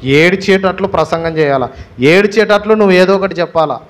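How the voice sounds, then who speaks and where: A man's voice: sits high, brisk. A male pastor with a Telugu accent preaching a sermon, stressing his points with repeated phrases and rhetorical questions. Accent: Telugu, Andhra Pradesh.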